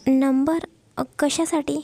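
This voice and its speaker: Shy young college girl, hesitant and soft, high-voiced and creaky, as a woman storyteller plays her. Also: fairly even intonation, takes it slowly, dry recording, faint music behind, exaggerated voice. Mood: nervous.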